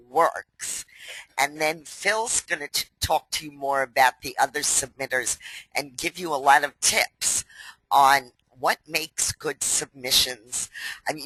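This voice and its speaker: A woman's voice: sits low, sharp tone, slightly rough, no echo, rough recording. A woman with a New York accent and a head cold hosts a webinar, walking viewers through a members area in a chatty, step-by-step way. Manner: unhurried, chatty, explains step by step. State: has a head cold, stuffy. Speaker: company president hosting a webinar. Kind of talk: webinar software walkthrough.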